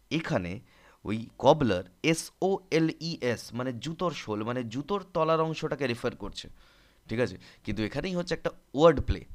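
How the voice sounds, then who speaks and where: Man explaining a literature lesson. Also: mid-range voice. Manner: explanatory, informal, keeps checking understanding. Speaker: teacher.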